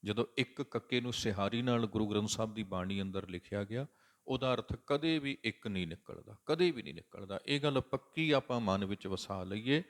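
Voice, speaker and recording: A man giving a scripture exposition, slowly chanting verse lines and then explaining each word. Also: fairly low pitch, a bit bright. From Punjab. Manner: slow sung-out recitation of verses between explanations. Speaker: scripture teacher.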